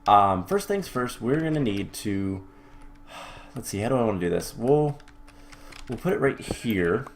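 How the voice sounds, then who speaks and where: A fairly low-pitched man talks through his gameplay at a desk mic, stopping to think aloud with plenty of "uh"s and quick self-corrections. Now and then he drops a dry, wry aside. Faint keyboard clicks and typing sit behind him. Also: very animated, a little hiss or hum. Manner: thinks aloud with many fillers and restarts. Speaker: let's-play host. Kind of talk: casual gameplay commentary.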